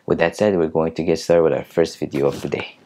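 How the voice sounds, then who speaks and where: A man in his thirties hosting his reaction channel, talking casually indoors and pausing often on fillers as he speaks. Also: extremely low pitch, steady tone, a little mellow. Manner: halting, frequent filler pauses. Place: indoor room.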